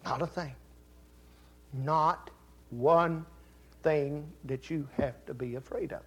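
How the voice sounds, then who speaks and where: An older man preaching a sermon, telling folksy family stories and rising to loud, fervent Scripture reading. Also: fairly high pitch, slow, breathy edge. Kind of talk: sermon with personal story.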